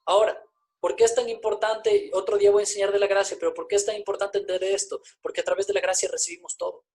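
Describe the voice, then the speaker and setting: A woman's voice: medium pitch, flat delivery, quick pace, darkish tone. A woman preaching a sermon, emphatic, repeating her key phrases and asking the congregation rhetorical questions.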